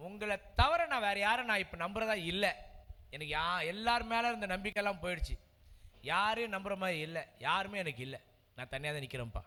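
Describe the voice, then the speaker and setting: A man's voice: sits high, animated, fairly quick, pushed and bright, in a large hall. A man preaching a heartfelt sermon, repeating words with emotional, earnest delivery. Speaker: pastor. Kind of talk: sermon testimony.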